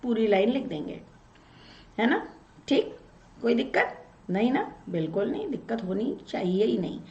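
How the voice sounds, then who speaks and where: A woman's voice: fairly high pitch, very animated, a little mellow, dull audio. A woman teaching a Sanskrit class, explaining step by step, asking questions and answering them herself. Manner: explains slowly, asks and answers own questions; chants verses slowly. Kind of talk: online class lesson.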